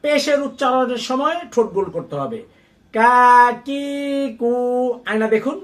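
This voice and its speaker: A man teaching Quran recitation, spelling out each letter and vowel mark, then repeating the syllables in a slow, sung drawl. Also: very high voice, sing-song, far from the mic. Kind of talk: slow drilled letter-by-letter lesson.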